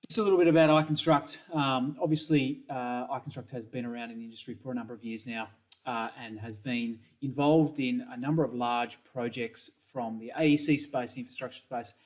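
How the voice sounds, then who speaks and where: Slightly dull webcam audio records a middle-aged man with an Australian accent, a software company principal, presenting a product from a small room. His medium-pitched voice holds a steady tone and moves a little fast, peppered with ums and repeated words.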